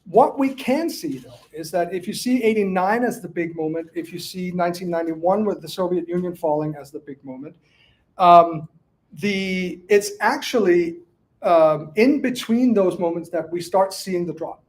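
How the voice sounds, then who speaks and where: A man from Denmark talks through audience questions about his book in a loose, halting academic way. His voice sits fairly high, and he keeps breaking off and restarting his sentences with fillers. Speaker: author answering audience questions. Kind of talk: casual academic Q&A talk.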